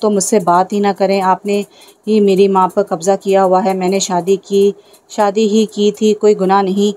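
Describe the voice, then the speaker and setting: A woman's voice: medium pitch, level tone, moderate pace, dark tone, close to an everyday voice. A woman reading the lines of a bitter, angry middle-aged mother in an audio novel. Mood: resentful. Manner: resentful, complaining.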